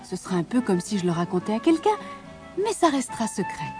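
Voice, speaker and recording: An eager young girl from a fairy tale rushes her words, bursting to share a secret, as a woman reads her. The voice is lively and light. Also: mid-range voice, faint music behind, lightly acted. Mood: conspiratorial. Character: young eldest sister, eager, can't keep secrets.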